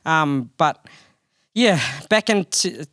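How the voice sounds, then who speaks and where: A New Zealand man in his thirties, guest co-hosting a podcast and telling stories about himself in a relaxed, chatty way, laughing often. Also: a little high, slow, no room sound, clean studio sound. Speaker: guest co-host. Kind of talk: casual podcast chat.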